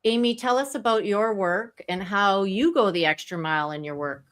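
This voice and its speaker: A woman's voice: mid-range voice, normal speed. A woman hosting a motivational live stream in a chatty, conversational style.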